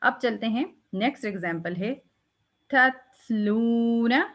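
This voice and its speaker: A woman teaching Quranic recitation rules, explaining patiently and demonstrating each letter with a drawn-out, breathy release. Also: medium pitch, fairly bright tone, highs cut off. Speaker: tajweed teacher. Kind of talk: step-by-step recitation lesson.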